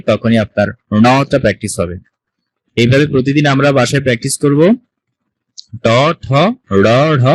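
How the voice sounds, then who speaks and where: Over a video call, a man with a medium-pitched voice teaches Sanskrit online, walking students patiently through each step and asking them questions. His computer mic gives a rough recording with no room sound.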